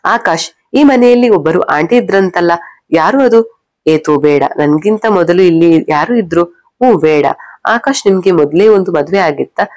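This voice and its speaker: A woman's voice: lowish voice, animated, normal speed, a little mellow, dry recording, clean studio sound, natural voice. A woman voicing a suspicious young newly married wife who fires pointed, demanding questions at her husband. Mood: hesitant.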